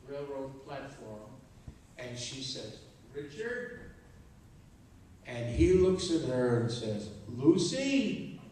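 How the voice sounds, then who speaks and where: Older male storyteller, survivor speaking at a school, deliberate pace; distant mic in a very reverberant hall. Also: medium pitch, darkish tone, slight background noise. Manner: slow, deliberate telling with quoted dialogue. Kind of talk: personal storytelling to students. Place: school auditorium. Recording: very echoey hall, from far off, faint ambience.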